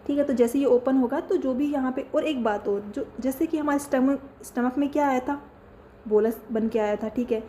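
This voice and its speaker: A woman's voice: high-pitched, moderate pace, warm tone, a little hiss or hum. A woman teaching a lesson, who keeps asking questions and answering them herself. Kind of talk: classroom lesson.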